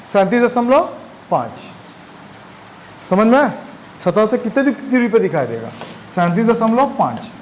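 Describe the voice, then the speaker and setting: A man's voice: high-pitched, sing-song, measured pace, pauses often, a little hiss or hum, poor audio. A man teaching a physics class, chatty and constantly quizzing his students. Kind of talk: classroom lecture.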